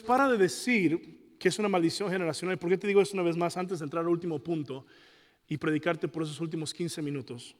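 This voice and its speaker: High-voiced, fiery man preaching in a hall. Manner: passionate preaching, rising to shouts, mimics congregants. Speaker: pastor. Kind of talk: sermon. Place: large church hall.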